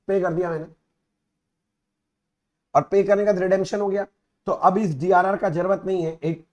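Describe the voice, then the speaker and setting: Male accounts teacher with a high-pitched voice. Casual lecture delivery, mixes Hindi and English, keeps checking in with the class. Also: a little mellow. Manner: mixes Hindi and English, asks students frequent check-in questions. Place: recorded teaching video.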